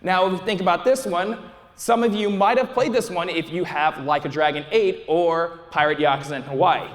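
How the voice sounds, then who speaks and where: A young YouTuber with a high-pitched voice rambles through a casual live convention panel at a moderate pace, restarting and using fillers often. The audience recording carries long hall reverb.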